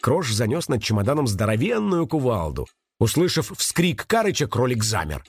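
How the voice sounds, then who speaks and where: A man narrating a children's story in an expressive, animated manner, over faint background music. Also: mid-range voice, moderate pace, husky, dry recording. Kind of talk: storybook reading.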